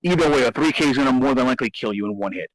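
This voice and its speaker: A man's voice: medium pitch, animated, racing, slight background noise, poor audio. A man in casual talk, explaining game strategy and often restarting and repeating his phrases for emphasis. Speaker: host. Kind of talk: casual gaming strategy discussion.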